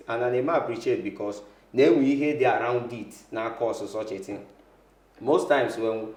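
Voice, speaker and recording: A man's voice: mid-range voice, a little mellow. A man with an Igbo Nigerian accent explaining things as an interview guest, switching often between Igbo and English. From south-eastern Nigeria. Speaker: interview guest, real estate lawyer. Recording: echoey room.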